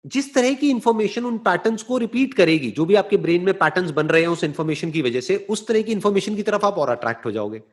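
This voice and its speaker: Guy with a high voice giving a motivational talk, slow and deliberate, keeps checking you're following. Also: lively intonation. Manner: slow, deliberate explaining with rhetorical check-ins; switches into English phrases. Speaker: motivational speaker. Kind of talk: explanatory talk answering a listener.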